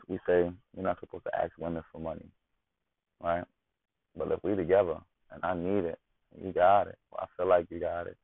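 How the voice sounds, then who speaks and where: A man with a low, gravelly voice holds forth in a relaxed, slangy podcast monologue, checking in with his listeners every few lines. The sound is thin and phone-like, with no room in it at all. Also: dry recording. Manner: slangy, constantly asks "you know what I'm saying". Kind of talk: casual monologue. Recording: tinny phone-like dry sound.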